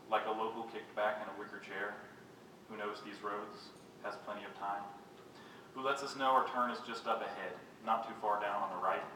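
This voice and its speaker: A man giving a live poetry reading, reading his own poems in a measured, unhurried way and making wry, self-mocking jokes between them. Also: on the low side, sharp tone. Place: reading venue with a live audience. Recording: very echoey room, voice picked up from a distance, faint background noise.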